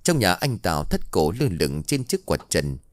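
Brief: male storyteller, low voice, lively delivery, dry close recording. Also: normal speed, no echo. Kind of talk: storytelling narration.

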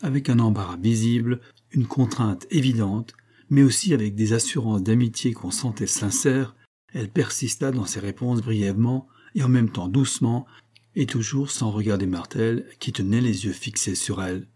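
A man reading a classic novel aloud in a measured, even narration. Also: on the low side, slightly rough. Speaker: audiobook narrator. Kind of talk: literary audiobook narration.

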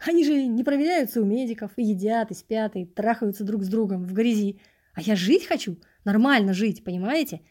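A woman's voice: a little high, fairly quick, dark tone, natural voice. A woman reading an audiobook, voicing a self-righteous middle-aged male scholar who speaks with contempt. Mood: contemptuous.

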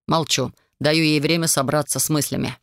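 Guy narrating an audiobook in first person, kinda high voice, earnest and measured, super dry close mic. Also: flat delivery, gravelly, fairly bright tone, dry recording.

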